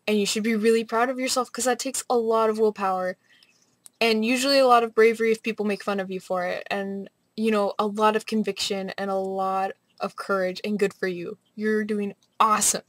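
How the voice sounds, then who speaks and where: A young adult woman rambling casually in a vlog, with an animated, sardonic manner. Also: mid-range voice, a little fast, no room sound. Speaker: vlogger. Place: small bright room at home, indoors.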